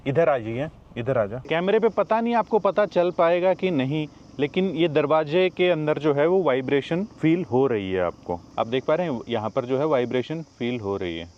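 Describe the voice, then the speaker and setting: A man with a higher voice and lively intonation reviews a new car at normal speed with few pauses, chatting to viewers as if they're friends. He's in and around the car, partly driving, and the sound is lo-fi.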